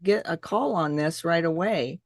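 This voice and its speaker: A woman's voice: fairly low pitch, a little slow, a little mellow, no room sound, clean studio sound. An older woman hosting a casual, conversational interview. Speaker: interview host.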